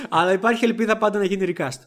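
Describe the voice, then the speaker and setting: Lively bright-voiced Greek man. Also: high voice. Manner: lively storytelling recap with frequent laughs. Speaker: podcast co-host. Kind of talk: casual film discussion.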